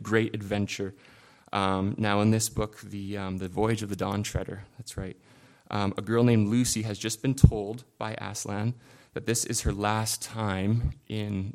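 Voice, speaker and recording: A man with a voice on the low side preaches a sermon in an earnest, confessional manner. He builds from quiet reflection to impassioned emphasis.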